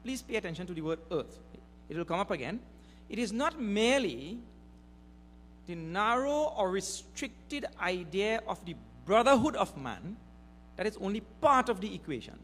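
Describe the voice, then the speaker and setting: A man giving a spiritual discourse at a mission gathering, slow and deliberate, stressing key words. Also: high voice, sing-song, fairly bright tone. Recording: reverberant hall with faint hum.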